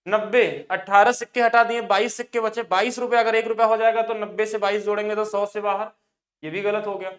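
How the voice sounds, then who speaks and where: A man teaching an exam-prep maths lesson, explaining briskly and coaxing students to look closely at each step. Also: sits high, flat delivery.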